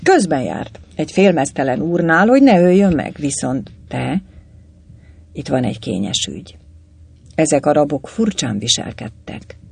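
A man reading an audiobook voices a cheerful young poet serving in the legion, chatty and lively. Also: on the high side, gravelly, slightly rough, no echo, full character voice. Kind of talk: audiobook character voice.

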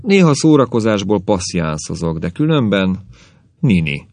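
A man's voice: lowish voice, sing-song, a little mellow. A man reading aloud, voicing a dignified, sly old woman telling fortunes in a solemn manner.

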